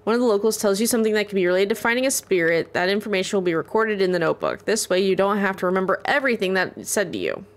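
A woman's voice: mid-range voice, very animated, very fast, few pauses. A woman reading aloud the lines of a bossy, money-hungry cat spirit in a video game, in a sarcastic, condescending way.

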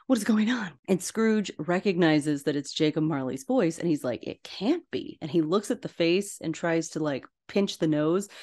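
A woman podcast host, retelling a cartoon scene by scene in a lively, playful way and acting out the characters' lines. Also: lowish voice. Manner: animated, playful storytelling with acted-out quotes. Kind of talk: casual film recap.

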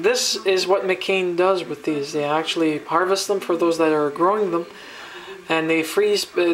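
On a rough handheld-camera recording from his home kitchen, a man with a fairly high voice rambles casually through a cooking vlog. He's a relaxed home cook from New Brunswick, Canada, heavy on fillers and restarts.

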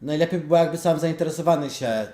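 A man with a missing front tooth, talking casually to viewers in a blunt, halting, sweary way. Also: on the high side, warm tone. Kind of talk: casual vlog talk to viewers. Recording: echoey room.

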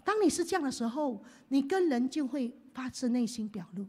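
Woman pastor, high voice, sermon that swings from hushed to loud. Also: animated, a little fast. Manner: leads the congregation in call-and-response, swings from hushed to loud.

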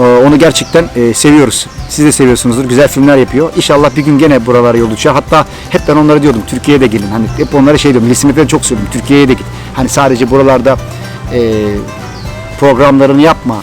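Fast-talking excited Thracian Turkish man. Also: medium pitch. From Turkey. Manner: excited, animated storytelling. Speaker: vlogger. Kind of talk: storytelling vlog.

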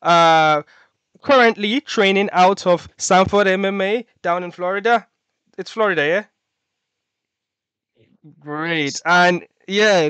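A man's voice: sits high, a bit bright, clear, resonant tone, no room sound. A male interview host welcoming a guest and asking rambling, friendly questions on a video call. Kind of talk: interview hosting. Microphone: headset on video call.

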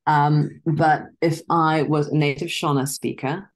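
A middle-aged woman from Zimbabwe, an actress and guest, chatting on a video call from a dim room at home. She speaks articulately and reflectively, with soft laughs and filler ums. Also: deep voice, steady tone, a little slow. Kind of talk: casual interview chat.

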